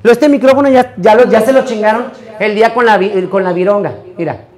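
A hoarse man runs a live stream from an indoor party. His voice sits higher than most men's, and he swears loudly and dramatically at everyone around him. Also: brisk. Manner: brash, profane, theatrical exclamations. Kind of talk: rowdy live stream banter.

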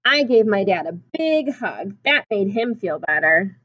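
Indoors in a small classroom, a woman in her twenties reads a picture book aloud like a teacher, pausing to ask young children simple questions and explain things. Her mid-range voice is expressive, with big pitch swings and a slightly bright quality, though the recording is muffled.

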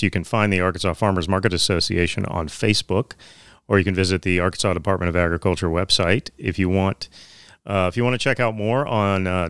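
A man's voice: low-pitched, a bit bright, clear, resonant tone, no room sound. A man in his thirties reading agricultural news items in a small podcast studio, with occasional fillers and restarts. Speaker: podcast co-host. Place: small studio office with bookshelves. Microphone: studio mic on boom arm, headphones.

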